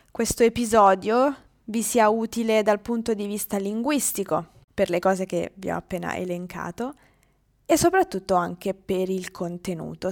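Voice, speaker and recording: Roman woman hosting a conversational podcast. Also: medium pitch. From Lazio, Italy. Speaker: podcast host, interviewer. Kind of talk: conversational interview and outro for language learners.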